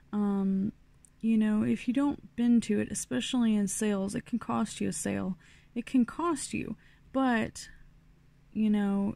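A woman's voice: mid-range voice, creaky, dark tone, no room sound. A middle-aged woman from New Mexico giving a rambling, casual tarot reading full of fillers and restarts. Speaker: tarot reader.

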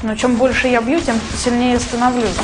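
A young woman giving casual, spontaneous commentary on a game in short, halting phrases. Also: fairly high pitch, level tone, low-quality recording. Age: young adult. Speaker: martial artist reviewing a game. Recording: loud music behind.

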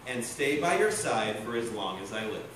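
A man's voice: mid-range voice, very animated, normal speed. A young man officiating a wedding, reading ceremony vows aloud in a church. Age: young adult. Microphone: distant camera. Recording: echoey church, distant mic, loud ambient noise.

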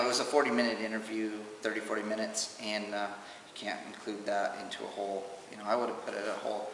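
A man's low, even voice falters with feeling as he, a father, testifies personally at home. Captured by a distant mic, it sounds like old home-video camcorder audio, with a roomy echo that trails long and a slight hiss underneath.

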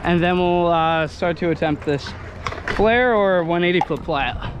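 This is an excitable young male scooter rider vlogging himself at an outdoor skatepark, swearing and laughing at his own expense. His voice sits high and he talks a little slowly. It's captured by an action camera on his handlebars, with heavy background noise throughout.

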